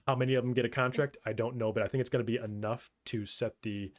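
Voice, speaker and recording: Guy co-hosting a streamer podcast, stammers and restarts a lot, medium pitch. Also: steady tone, fast. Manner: stammering, restarts words often. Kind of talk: casual podcast chat.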